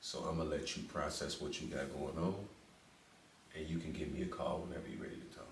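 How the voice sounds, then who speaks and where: Man doing a hushed sexy-voiced smooth guy, soft and low, roomy echo. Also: little pitch movement, fairly quick, far from the mic, slight background noise. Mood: soothing.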